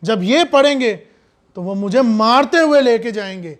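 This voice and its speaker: A man preaching a sermon, swinging from hushed asides to loud, impassioned lines with many rhetorical questions. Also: very high voice, lively intonation.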